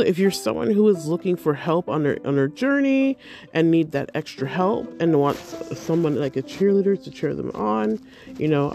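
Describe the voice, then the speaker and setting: A bubbly, effusive woman hosts her own life-coaching podcast in a casual, rambling monologue full of fillers. She sounds a little tired. Faint music plays quietly behind her. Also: on the low side. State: tired, yawning.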